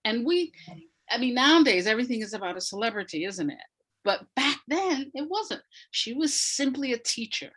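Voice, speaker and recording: Her voice is a little high, sing-song and husky, with a fairly bright tone and moderate pace. An audio drama maker interviewed as a guest, she explains with animated emphasis and repeats phrases to drive points home.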